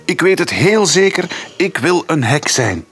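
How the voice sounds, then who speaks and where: A man's voice: fairly high pitch, huge pitch swings, normal speed, bright, forceful tone, voice pushed up, full character voice. A man reading a storybook, voicing a stubborn little fairy girl who wants to be a witch, with a defiant, whiny voice.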